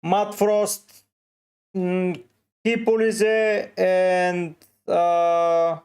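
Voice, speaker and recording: A man from Bulgaria with a Bulgarian accent, live streaming and slowly answering viewers' questions one by one. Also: high voice, little pitch movement, darkish tone. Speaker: fantasy football streamer. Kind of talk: live stream chat, reading comments.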